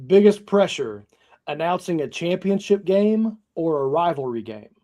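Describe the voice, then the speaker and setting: A man's voice: a little high, animated, moderate pace, dark tone, muffled recording. A man co-hosting a podcast, reading out questions and reacting with enthusiasm. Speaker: podcast co-host. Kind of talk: casual interview hosting.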